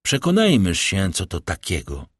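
A man voicing a grave, watchful doctor in an audiobook, talking low, solemn and ominous. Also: wildly swooping pitch, moderate pace, husky, dry recording, studio quality, full character voice. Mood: muttering. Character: grave, watchful male doctor of a grand house. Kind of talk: audiobook character reading.

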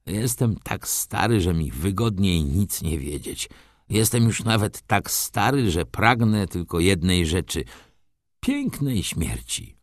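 A man's voice: sits low, expressive, slow pace, no echo, studio quality. A man voicing an old male clerk, dreamy yet blunt, who talks insistently. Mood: wistful. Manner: pressing, insistent.

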